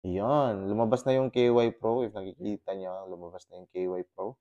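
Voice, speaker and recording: At normal speed, a lowish male voice sounds dull over the audio. It's a Filipino motovlogger talking through a helmet intercom headset on his motorcycle in a subdivision, steadily teaching how to pair his gear in a casual vlog that blends Tagalog and English with frequent fillers.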